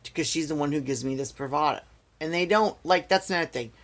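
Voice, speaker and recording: A man's voice: a little high, fast talker, a bit bright. A man in a casual vlog, telling an exasperated story and repeating himself. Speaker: vlogger. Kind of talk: casual ranting story to camera.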